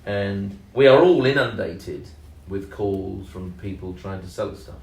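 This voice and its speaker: A man co-hosting a casual podcast, speaking in a measured, hesitant way with many ums and leaning hard on key words. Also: low voice, darkish tone. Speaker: podcast co-host and sales trainer. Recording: roomy echo, mic at a distance.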